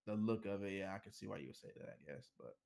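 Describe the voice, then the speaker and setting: A man's voice: fairly low pitch, fast, vocal fry, darkish tone. A man co-hosting a casual gaming podcast over voice chat, laid-back and rambling, swearing often. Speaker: podcast co-host.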